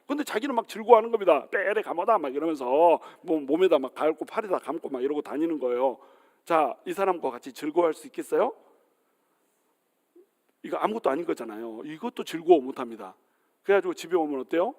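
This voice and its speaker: A man's voice: on the high side, lively intonation, fast talker, darkish tone. A male pastor preaching a sermon, telling humorous stories, acting out the people in them and putting questions to the congregation. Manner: humorous storytelling, acting out quoted voices, asking the congregation questions. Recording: long hall reverb.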